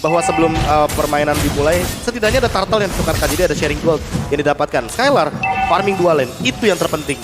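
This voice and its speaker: A man with an Indonesian accent breaks down a game as an esports analyst. His voice is a little high and he explains at a brisk pace, with music clearly playing underneath. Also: expressive. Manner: explanatory, addressing viewers.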